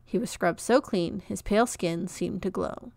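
Woman, storybook read-aloud, expressive, mid-range voice, dry close sound. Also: mid-range voice, normal speed, gravelly, no room sound. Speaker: narrator reading a novel aloud. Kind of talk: children's book read-aloud.

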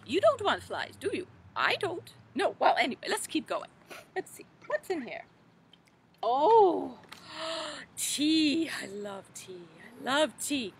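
A woman's voice: high-pitched, very animated, takes it slowly, slight background noise, exaggerated voice. A woman as a fluttery old Mother Goose. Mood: playful. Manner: flustered, fluttery, exclaims "oh goodness". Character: fussy, scatterbrained old female Mother Goose. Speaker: library storytime performer. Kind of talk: children's rhyme time in character.

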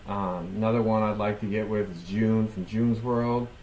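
Guy in his 40s chatting into a headset, kinda low voice, echoey room with faint hiss. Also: fairly even intonation, normal speed, a little mellow. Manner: rambling, many ums and restarts. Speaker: podcast host. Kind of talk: casual chat to camera. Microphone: headset with boom mic.

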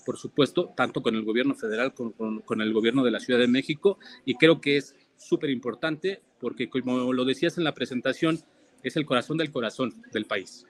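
A man answering interview questions in a measured way, listing points and repeating himself. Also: mid-range voice. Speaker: interview guest, former local official.

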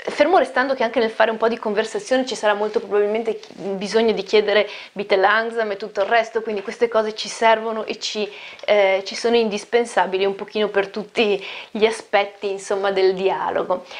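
A woman with an Italian accent teaching an online German lesson, chatty, slowing down to repeat phrases clearly and often asking "ok?". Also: mid-range voice.

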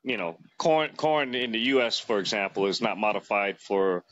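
A fifties-aged man rambles through a casual interview as the guest, stumbling over fillers and restarts, recorded on a close phone camera in a small room. His lowish voice has lively intonation at normal speed and a fairly bright tone. The recording sounds muffled.

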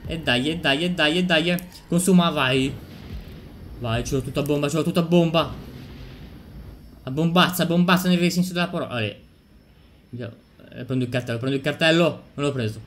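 Excitable male streamer, rapid repetitive game commentary, faint noise bed. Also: a little high. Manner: excitable, repeats phrases, swears. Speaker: gameplay streamer.

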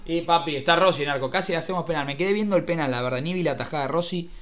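A young man with an Argentine Spanish accent, doing mock football commentary over a video game, swinging between shouted play-by-play and muttered grumbling. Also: on the high side, rapid-fire. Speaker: gaming youtuber.

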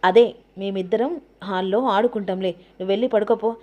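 A woman's voice: mid-range voice, steady tone, fast talker, narrow, tinny audio, natural voice. A woman voicing a scheming young woman who coaxes and pushes to get her way. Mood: defiant. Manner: coaxing, pushy.

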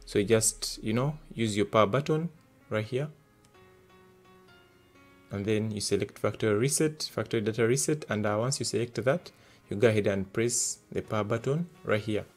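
This tech tutorial is narrated by a man whose voice sits on the low side and moves at a normal speed, faint music behind him. Seated at an indoor desk with a hands-only camera, he goes through each step plainly and fills gaps with many filler sounds.

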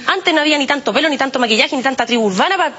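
A woman's voice: sits high, expressive, very fast, fairly bright tone, lo-fi sound. A woman with a Chilean accent doing a chatty, self-mocking stand-up comedy routine heavy on slang.

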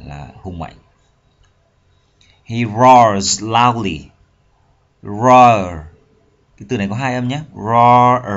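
A man teaching English vocabulary in Vietnamese, with a Vietnamese accent, reading English lines slowly and repeating words to drill pronunciation. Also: lowish voice, dull audio. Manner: reads English slowly then explains in Vietnamese. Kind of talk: bilingual vocabulary lesson.

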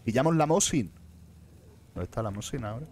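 A man's voice: medium pitch, expressive, brisk, a little mellow, a little hiss or hum. A man with a Spain Spanish accent giving live gameplay commentary as a streamer, muttering to himself and swearing often.

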